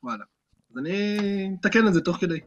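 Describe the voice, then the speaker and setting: A man's voice: high voice, animated, lo-fi sound. A young man on a casual podcast, joking playfully with his co-hosts. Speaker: podcast co-host. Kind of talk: casual banter.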